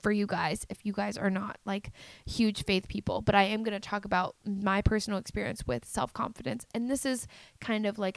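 A woman's voice: medium pitch, creaky, no echo. A young adult woman telling a personal story to her viewers in an earnest, confessional way, full of "like" and "um". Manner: earnest, confessional, many fillers like "like". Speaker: vlogger.

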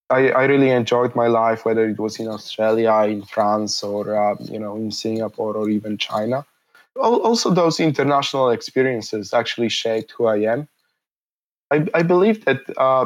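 This interviewee is a man in his thirties from Poland, a native Polish speaker, who replies at a medium pitch. He reflects as he talks, hesitating, using many fillers and frequently starting over.

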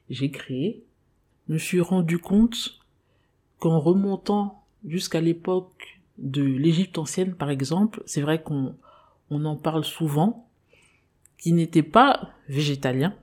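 Mellow-voiced woman, earnest and hesitant. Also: low-pitched. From Congolese descent. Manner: thoughtful, earnest, with frequent hesitations. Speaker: podcast host. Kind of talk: personal monologue.

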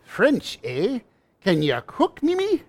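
Gruff old fisherman, raspy, wildly swooping pitch, salty, friendly, rustic, old-time radio comedy. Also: wildly swooping pitch, slow pace, heavily acted. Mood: hearty, folksy. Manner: folksy sailor talk with dropped grammar.

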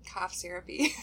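A woman's voice: sits high, a little hiss or hum. Chatty woman in natural unscripted podcast talk. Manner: chatty, giggly, self-deprecating. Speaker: podcast co-host. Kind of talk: natural unscripted casual talk between friends.

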